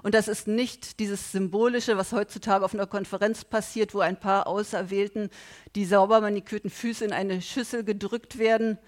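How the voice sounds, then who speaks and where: A middle-aged woman preaching a sermon with passion, moving between loud appeals and quiet, low emphasis. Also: steady tone, normal speed. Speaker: pastor.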